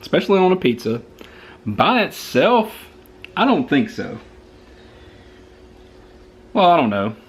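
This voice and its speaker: A man's voice: a little high, sing-song, unhurried, long pauses, breathy edge. A man with a Southern US accent, chatting through a rambling, joking food review at home, talking into a camera mic.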